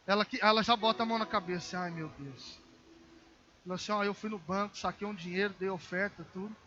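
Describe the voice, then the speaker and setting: Man, pastor, Brazilian Portuguese accent, sermon, very high voice, dull lo-fi recording. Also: steady tone, brisk, sharp tone, slight background noise. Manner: storytelling with acted dialogue, calls the congregation "queridos". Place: church service.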